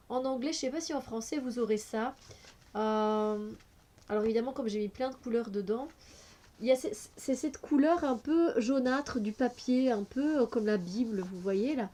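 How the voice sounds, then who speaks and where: A woman's voice: fairly high pitch, moderate pace, mellow. A woman with a cold, reviewing an oracle card deck in a casual, hesitant way with many fillers. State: has a cold.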